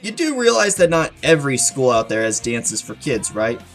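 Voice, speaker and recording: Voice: mid-range voice, very animated, normal speed, faint music behind. A commentator making matter-of-fact points in comedic commentary.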